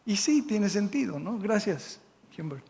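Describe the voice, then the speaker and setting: Man, Mexican Spanish accent, pastor's sermon, slightly high gravelly voice, long church reverb. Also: very animated, measured pace, darkish tone. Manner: conversational, checks in with the congregation. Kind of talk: sermon with scripture reading. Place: church sanctuary.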